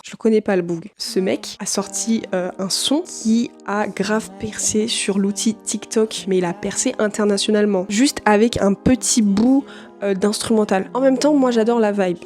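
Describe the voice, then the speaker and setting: Mellow-voiced young woman vlogging about music. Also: medium pitch. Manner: chatty and slangy, with asides to viewers. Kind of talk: casual chat.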